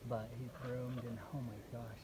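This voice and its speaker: A man's voice: medium pitch, little pitch movement, a little slow. A bowhunter talking outdoors in breathless, awed bursts, repeating his exclamations. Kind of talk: excited field chatter. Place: outdoors in open country. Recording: loud music over the voice.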